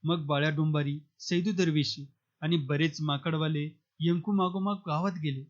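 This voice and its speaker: A man narrating a novel in a steady, measured storytelling manner. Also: on the high side, highs cut off. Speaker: audiobook narrator. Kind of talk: novel reading.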